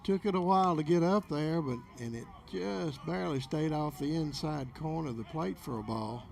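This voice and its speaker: A man's voice: on the high side, moderate pace, creaky. A man giving play-by-play baseball commentary for local television from an outdoor game.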